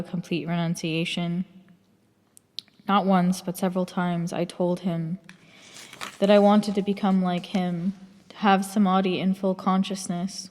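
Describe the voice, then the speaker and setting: A woman reading a first-person memoir aloud in a measured, reflective way. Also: lowish voice, darkish tone, in a large hall. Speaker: audiobook narrator.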